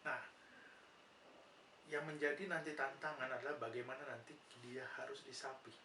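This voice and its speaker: A man's voice: mid-range voice, fairly even intonation, normal speed, pushed and bright. Patient male lecturer, echoey distant room. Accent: Indonesian. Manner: patient, asks rhetorical questions and answers them, frequent "ya" fillers. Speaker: nursing lecturer. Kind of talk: explanatory lecture conversation. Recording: roomy, distant mic, noisy background.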